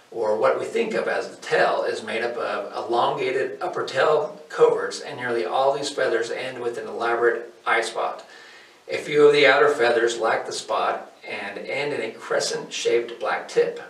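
A man in his forties, hosting a hobby farm channel, reads a scripted educational piece in a steady, informative way. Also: mid-range voice. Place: indoors, in front of a wooden wall. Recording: roomy, somewhat distant mic.

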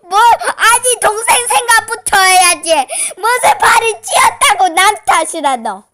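A woman's voice: extremely high pitch, animated, measured pace, background noise. A young female vlogger telling viewers a story in casual chat, whiny, dramatic and tearful. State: crying.

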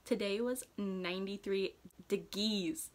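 A young American woman reading and chatting casually, with an animated, theatrical delivery and amused self-mockery. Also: medium pitch, slow. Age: young adult. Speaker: vlogger. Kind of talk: casual chat and reading own childhood diaries aloud. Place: dark room indoors at home.

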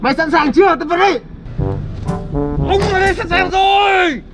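A man in a slapstick comedy skit, shouting and groaning in an exaggerated way outdoors. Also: extremely high pitch, moderate pace, loud music behind the voice, a loud crowd. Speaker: prankster friend in comedy skit.

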